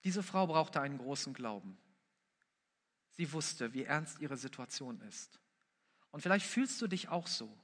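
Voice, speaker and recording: A man's voice: mid-range voice, sing-song, a little slow, pauses often, fairly bright tone, in a large hall. A man preaching a sermon, earnestly addressing the congregation and building his points through repetition. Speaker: pastor.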